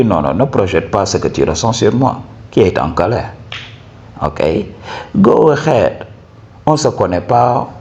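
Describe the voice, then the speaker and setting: Low-voiced man retelling a spat. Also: darkish tone, highs cut off. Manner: retells an argument, acting out both sides; drops English phrases into his speech. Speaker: channel host. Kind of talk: casual storytelling monologue.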